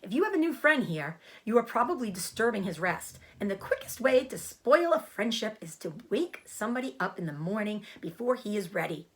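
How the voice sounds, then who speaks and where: A woman's voice: mid-range voice, big pitch swings, fairly quick, few pauses, close to an everyday voice. A woman voicing a stern old sheep from a storybook, scolding in a matter-of-fact, reproving way. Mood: disgusted. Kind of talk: storybook character voice.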